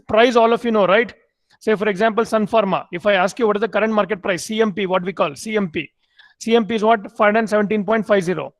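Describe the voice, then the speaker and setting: Brief: high-pitched male lecturer, repeats and quizzes students. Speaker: MBA lecturer. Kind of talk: online class lecture.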